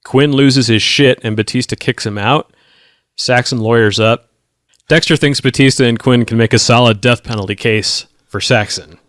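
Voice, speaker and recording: A man's voice: medium pitch, fairly bright tone, no room sound. Sarcastic man recapping a TV episode. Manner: sarcastic, recaps plot in quick summaries. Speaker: podcast co-host recapping episodes. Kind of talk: casual chat.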